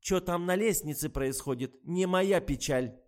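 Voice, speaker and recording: A man's voice: high voice, measured pace, darkish tone, voice pushed up. A man voicing a sulky, cheeky young woman nurse who answers back in a snappish way.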